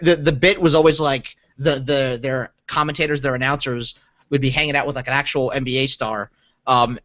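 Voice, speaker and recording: A man's voice: medium pitch, a bit bright. A young man co-hosting a podcast, telling rambling stories and joking with friends between laughs. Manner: rambling, laughing, jokey storytelling. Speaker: podcast co-host. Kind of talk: casual podcast banter. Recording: dull lo-fi livestream audio.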